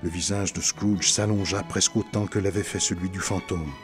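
A man reading a classic novel aloud in measured, expressive narration for a radio broadcast. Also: sits low, music in the background. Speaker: reader. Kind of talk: literary audiobook narration. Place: radio studio.

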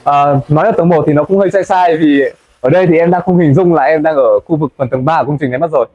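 A young man presenting a tour of a café building site, talking quickly and chattily to viewers, recorded on a lapel mic inside a large wooden building. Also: fairly high pitch, a little mellow, no room sound, highs cut off. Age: young adult. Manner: fast, chatty, addresses viewers as "mọi người". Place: indoors in a large wooden café under construction.

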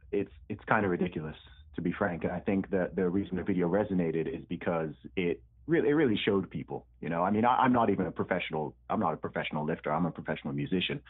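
A rapper, born in the UK to Nigerian parents and raised in Saudi Arabia, answers interview questions as a guest with a mixed British and American accent. He sounds laid-back and hesitant, with lots of ums and repeated words, and his voice sits low and slightly rough. He comes through a remote call line that sounds tinny and phone-like.

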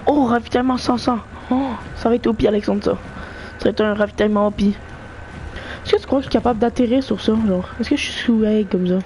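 A gamer chatting live through a game with friends, excitable, cheering teammates on and mixing in English slang and swearing. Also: mid-range voice, fast, slight background noise.

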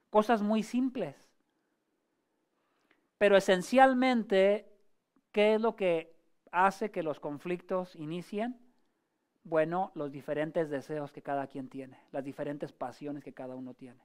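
Conversational pastor preaching with questions. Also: male voice, sits high. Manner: frequent hesitations and restarts. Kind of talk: sermon.

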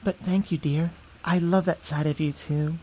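A deep, dark-toned woman's voice with fairly even intonation and a moderate pace plays a sweet, easily flustered young centaur girlfriend who is affectionate and teasing. The mood is fond and teasing in this intimate, conversational ASMR roleplay, recorded close on a studio mic, though the audio is poor.

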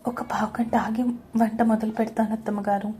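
A woman's voice: a little high, level tone, brisk, warm tone, slight background noise, close to an everyday voice. A woman voicing a timid, mistreated young wife in an audio story, speaking meekly in a near whisper. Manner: meek, whispery.

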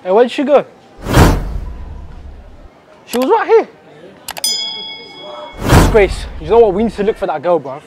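A man's voice: high-pitched, huge pitch swings, a little slow, pauses often, very noisy. A man in his twenties with a London roadman accent, doing brash, slangy prank banter in a casual vlog style. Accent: London, urban roadman slang style. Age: 20s. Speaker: prank vlogger. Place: large clothing store and shopping centre.

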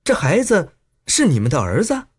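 Male narrator as high, indignant young heroine, audiobook read. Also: wildly swooping pitch, brisk, husky, full character voice. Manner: indignant, earnest. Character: upright young woman swordfighter.

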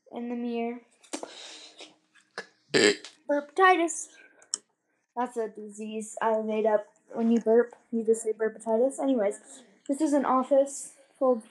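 A child vlogger, her voice described as a woman's and high-pitched, films a nighttime indoor house tour on a handheld phone, rambling playfully and breaking into sudden exclamations during casual chat. The recording sounds rough.

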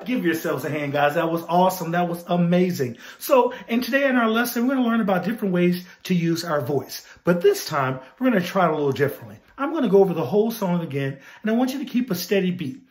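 A man's voice: high voice, sing-song, fast talker, hardly any pauses. Upbeat male music teacher, roomy echo. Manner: upbeat, talks to pupils as if they are in the room. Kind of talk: virtual music class for children.

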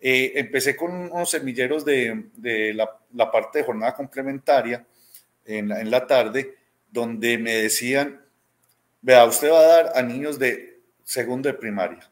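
Here a man in his thirties talks at a measured pace in a mid-range voice, his Medellín Colombian accent clear. Interviewed as a robotics teacher on a video call from a small indoor room at home, he tells stories in a relaxed way, acts out what people said, and keeps tagging remarks with "¿cierto?".

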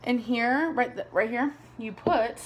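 Speaking a little slowly in a high voice over a noisy background, this woman in her twenties vlogs from a small bedroom. She chats casually to the camera on her desk below, rambling and laughing a lot.

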